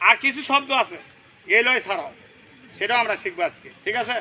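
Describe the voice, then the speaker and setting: A male English teacher drilling children in a classroom, loudly firing the same questions again and again in call-and-response. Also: high-pitched, animated, brisk. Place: busy classroom full of children. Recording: loud noisy crowd of children.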